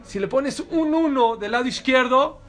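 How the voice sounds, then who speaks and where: Rabbi preaching, high voice for a man, lively, keeps quizzing the room. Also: moderate pace. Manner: animated, emphatic, asks the audience questions. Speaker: rabbi teaching a Torah class. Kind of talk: sermon.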